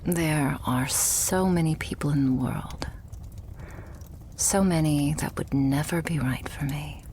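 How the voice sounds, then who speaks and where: In an ASMR roleplay, a woman plays a loving, doting, yet stubborn vampire girlfriend, delivering an intimate monologue straight to the listener. Her deep voice is soft and breathy, often whispered, with a faint hiss or hum in the audio. She speaks slowly and tenderly, coaxing and lightly teasing, in a loving, hopeful mood.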